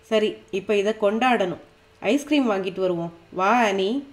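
A woman's voice: mid-range voice, unhurried, close to an everyday voice. A woman reading an audiobook voices a chatty, upbeat woman friend.

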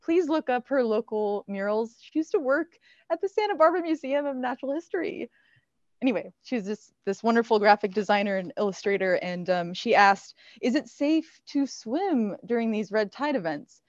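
A woman in her thirties, a marine researcher, answering questions on a video call, lively and full of fillers and laughs. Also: fairly high pitch, normal speed, dry recording. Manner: animated, laughs often, many fillers. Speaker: marine researcher guest speaker. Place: small indoor lab room. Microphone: wired earbuds on a video call. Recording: dull, dry video call audio.

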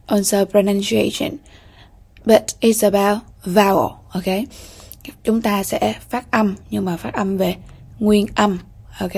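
Slow, gravelly Vietnamese woman teaching. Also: medium pitch, darkish tone. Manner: slow, methodical, repeats key words with frequent "ok ha". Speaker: English teacher. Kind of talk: bilingual exam-prep lesson.

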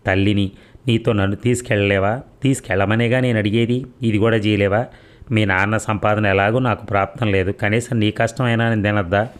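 A man's voice: fairly low pitch, steady tone, fairly quick, lightly acted. A man voicing a defensive, self-pitying middle-aged mother who complains plaintively in a read audio story.

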